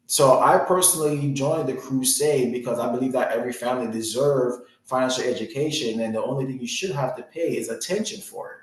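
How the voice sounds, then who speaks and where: Earnest man in an echoey room. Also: mid-range voice. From Jamaica. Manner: earnest, motivational, repeats phrases with many "you know" fillers. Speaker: financial educator. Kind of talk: webinar-style presentation.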